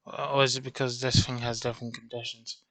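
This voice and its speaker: Showing a program on screen in a casual recorded walkthrough, a tutorial creator speaks in a mid-range, level, fairly bright voice, a little fast. He lost his voice recently and has just gotten it back, and his delivery is chatty, rambling, and self-correcting.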